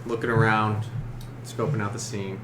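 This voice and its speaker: A man narrating a tabletop role-playing game as game master, halting and searching for his words. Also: fairly low pitch, little pitch movement. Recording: roomy, echoey, noisy room recording.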